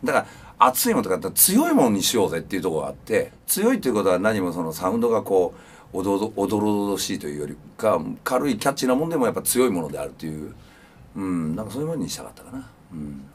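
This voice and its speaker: Lively fast-talking man in his fifties. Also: deep voice, husky. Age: 50s. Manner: relaxed, reflective, many fillers. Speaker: punk band vocalist. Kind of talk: casual interview chat.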